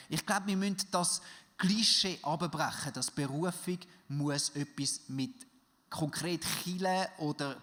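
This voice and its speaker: A man with a Swiss German accent preaching a sermon, swinging from loud urging to soft, quiet passages. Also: on the high side. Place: large church hall. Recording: long reverb of a big hall.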